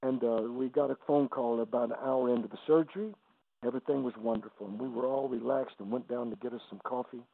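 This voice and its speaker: A man in his seventies, an evangelist guest, telling emotional testimony stories on a radio interview, halting and repeating words as he goes. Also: medium pitch, gravelly, no echo. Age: 70s. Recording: dry, phone-like radio line.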